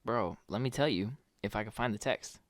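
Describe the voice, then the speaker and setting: A man's voice: fairly low pitch, fairly quick, dry recording. A man co-hosting a casual podcast, rambling through stories with lots of fillers and frequent laughter. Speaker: podcast co-host.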